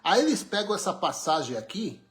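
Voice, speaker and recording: A man's voice: high voice, big pitch swings, a little fast, a bit bright, soft background music. A man from Brazil, preaching an informal sermon with emphatic, wry rhetorical questions. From Brazil, born in Pernambuco, raised in São Paulo.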